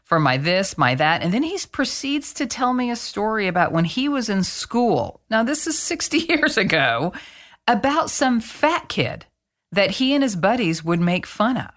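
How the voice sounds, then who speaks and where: A woman host telling a story in casual chat, animated and blunt, swearing freely. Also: a little high, normal speed.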